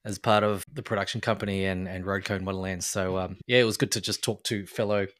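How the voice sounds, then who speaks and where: A man's voice: deep voice, steady tone, fast, a bit bright. A man hosting a podcast, enthusiastic and often hesitating with fillers. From Australia. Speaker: podcast host. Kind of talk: casual podcast interview.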